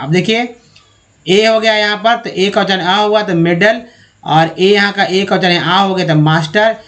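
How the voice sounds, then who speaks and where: A man teaching English spelling and pronunciation from slides, drawing words out slowly one at a time and addressing viewers as friends. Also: high-pitched, fairly bright tone. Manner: slow, drawn-out word-by-word pronunciation. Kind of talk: slide-based spelling lesson.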